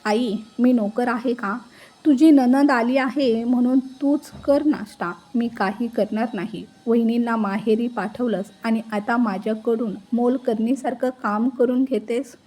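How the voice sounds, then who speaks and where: A woman's voice: on the high side, unhurried, a little mellow. A woman voicing a sulky, defiant young daughter who snaps back at her mother. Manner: snapping, defiant.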